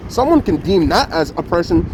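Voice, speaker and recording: Guy with a pretty high voice arguing hard thru a face mask, repeats himself to make the point, faint wind noise. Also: big pitch swings, fairly quick. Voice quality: slightly muffled, speaking through a face mask. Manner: emphatic, insistent, repeating phrases for emphasis. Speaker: interviewee giving opinions. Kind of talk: impassioned street debate.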